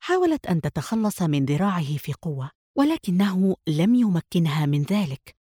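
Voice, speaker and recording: Low-voiced woman reading a novel. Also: very animated, moderate pace, dark tone, husky, dry recording, clean studio sound. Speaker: narrator. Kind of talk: scripted narration of a spy novel.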